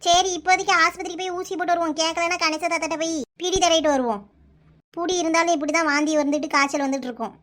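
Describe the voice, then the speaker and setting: A woman's voice: very high voice, fairly even intonation, fast talker, a bit bright. A woman voicing a kindly older village woman in a cartoon, talking at length to scold and reassure, with a Kanyakumari Tamil accent. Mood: bossy.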